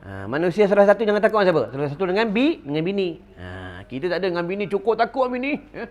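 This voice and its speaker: Animated Malaysian preacher man. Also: high-pitched, rapid-fire. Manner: animated storytelling with call-and-response fillers. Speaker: religious teacher. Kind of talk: Malay religious lecture.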